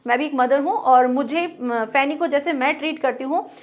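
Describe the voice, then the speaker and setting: A woman teacher explaining a poem line by line, reading the English lines slowly and patiently. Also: sits high. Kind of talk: Hindi poem explanation lesson.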